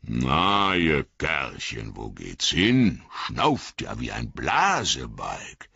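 A man voicing a jolly, loud old man who talks in a drawn-out sing-song, in a dull, lo-fi recording. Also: rumbling low, huge pitch swings, creaky, slightly rough, no echo, heavily acted. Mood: jolly, booming.

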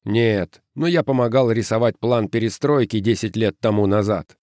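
Wry, curt male agent, narrator-voiced, low audiobook read. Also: moderate pace, a little mellow, dry recording, studio quality, close to an everyday voice.

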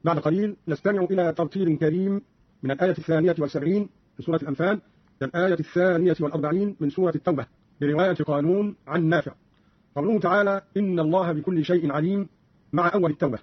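Brisk, husky-voiced man on old radio. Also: a little high, no room sound. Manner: brisk and instructive, quoting verses as examples. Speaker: presenter explaining recitation variants. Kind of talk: scripted radio explanation. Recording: dull lo-fi radio archive.

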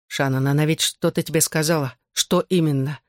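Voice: medium pitch, fairly even intonation, fairly quick, no room sound, close to an everyday voice. A reader voicing a hot-tempered teenage boy who growls and presses for answers, in audiobook dialogue with a dry sound. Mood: insistent. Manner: growling, insistent. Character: intense hot-tempered male teen athlete.

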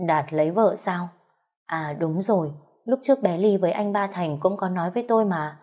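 A woman narrating a first-person story in an even storytelling way. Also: on the low side, normal speed.

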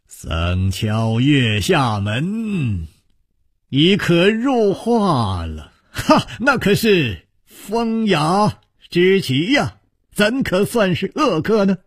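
Male storyteller doing a carefree witty swordsman, low, relaxed, unhurried delivery. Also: husky, dry recording, studio quality, full character voice. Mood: amused, easygoing. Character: carefree, witty young male hero, laughing.

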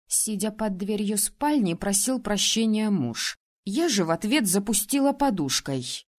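A woman reading a first-person story aloud, with a voice pitched at an ordinary middle height. She keeps an expressive but steady narrating pace through the plain story passages. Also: unhurried. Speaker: audiobook narrator.

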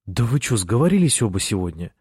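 A man's voice: big pitch swings, quick pace, darkish tone, slightly rough, no echo, studio quality. A man voicing a cocky, crude young man who teases everyone. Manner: brash, crude, shrill.

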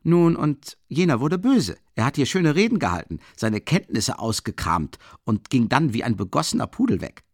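A man reading the part of a tipsy, loud young man who talks in a booming, boisterous way. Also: sing-song, normal speed, creaky, hardly any pauses, no echo, studio quality. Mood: blustering.

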